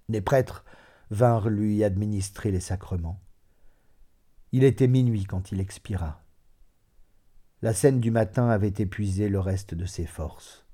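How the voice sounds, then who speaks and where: A man narrates a classic novel with a steady, measured delivery. His voice is low-pitched and mellow, with a dark, relaxed tone. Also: breathy edge. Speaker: audiobook narrator. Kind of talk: scripted literary narration.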